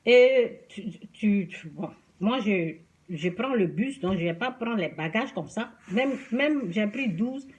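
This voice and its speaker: A woman from the Ivory Coast with an Ivorian French accent, chatting to camera and telling an everyday story in an animated way, addressing viewers directly. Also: medium pitch, slow pace. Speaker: vlogger.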